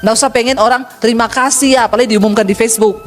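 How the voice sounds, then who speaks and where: A middle-aged woman pastor from Sulawesi delivers a lively sermon, calling her listeners brothers and sisters. Her voice sits high, and she jokes and acts out the voices of the people she quotes. Faint music plays underneath. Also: racing. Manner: lively, humorous preaching, acts out quoted voices, addresses congregation as saudara.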